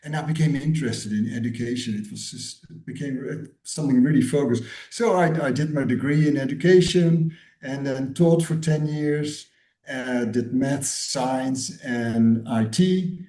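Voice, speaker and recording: A Dutch-born man in his sixties, a guest author and educator from the Netherlands, answers interview questions thoughtfully, often repeating words as he searches for phrasing. His mid-range voice is unhurried and dark, recorded with a roomy echo.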